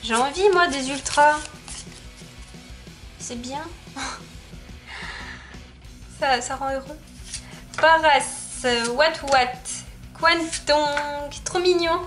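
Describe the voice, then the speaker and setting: A woman's voice: high voice, slow pace, long pauses, fairly bright tone, faint music behind. A woman YouTuber giving casual, chatty commentary as she opens card packs, reading off card names and laughing often.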